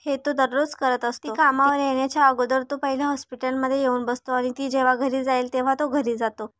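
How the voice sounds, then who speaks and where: High-voiced woman reading a story. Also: little pitch movement, brisk, a bit bright, dry recording. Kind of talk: read-aloud story narration.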